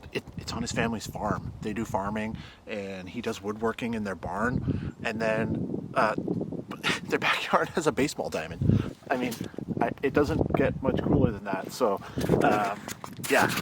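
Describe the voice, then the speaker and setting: A man's voice: medium pitch, very noisy. Enthusiastic man vlogging casually. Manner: upbeat, enthusiastic, many fillers. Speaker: drummer and channel host. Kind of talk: casual vlog chat. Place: outdoors in cold weather at a farm shop; his home studio.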